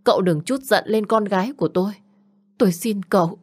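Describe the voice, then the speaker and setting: A woman's voice: mid-range voice, fairly quick, voice pushed up, lightly acted. A woman voicing a remorseful old father who pleads humbly, in an audiobook story. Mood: pleading.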